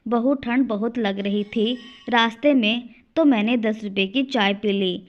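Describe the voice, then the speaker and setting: A woman's voice: fairly high pitch, unhurried, muffled recording, close to an everyday voice. A woman doing a meek old father-in-law. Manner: soft, meek, consoling.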